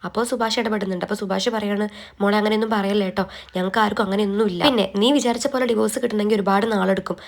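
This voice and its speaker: A woman's voice: mid-range voice, steady tone, rapid-fire, gravelly. A woman recapping a TV serial episode in a chatty storytelling way, often tagging lines with a friendly particle.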